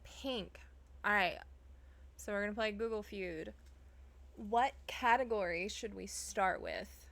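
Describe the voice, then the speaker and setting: A woman live streamer chats loosely with her audience in a bright, clear tone. She talks in a relaxed, joking way, pokes fun at herself and laughs often. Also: mid-range voice, a little slow. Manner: chatty, self-deprecating, laughs often. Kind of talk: casual live-stream chat.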